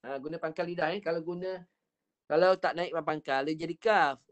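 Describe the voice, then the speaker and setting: A man with a Malaysian Malay accent leads an online Quran reading class over a video call. His voice sits high for a man, and he coaches with patience, stretching out words slowly to demonstrate them. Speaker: Quran recitation teacher.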